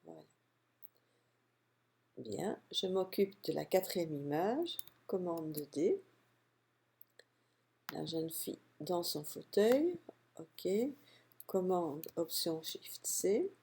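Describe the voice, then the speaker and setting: A woman calmly walking through a software tutorial step by step, narrating her clicks. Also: on the low side, creaky, husky. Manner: calm step-by-step explaining, unhurried. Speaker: software instructor. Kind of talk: screen-recorded software tutorial.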